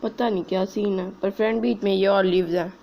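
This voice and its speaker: A woman's voice: mid-range voice, steady tone, a little fast, creaky, muffled recording, noisy background. A woman filming a casual home vlog on her phone camera in her kitchen. She chats to her viewers as friends and coos at a small child. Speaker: family vlogger.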